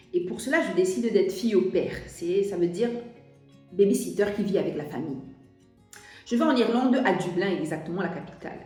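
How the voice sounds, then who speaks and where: A woman's voice: lowish voice, a little mellow. A young French woman telling a personal story to camera, hesitant, with many restarts and fillers. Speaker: vlogger. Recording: very echoey room.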